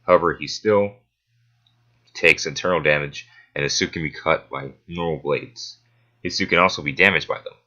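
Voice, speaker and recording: A man with an extremely low voice that still has a forceful, bright edge. He delivers analytical commentary point by point, matter-of-fact with casual asides. The close-miked recording sounds a little dull and lo-fi. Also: moderate pace. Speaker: video essayist debunking a versus match-up.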